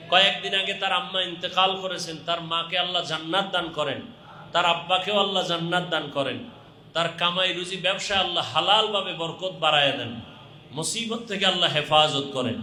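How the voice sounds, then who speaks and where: A man's voice: high-pitched, sharp tone, a little hiss or hum. A Bangladeshi man preaching a live donation appeal, urging listeners repeatedly and calling out pledges with short blessings. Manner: urging, repetitive calls to the crowd. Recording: echoing public-address sound.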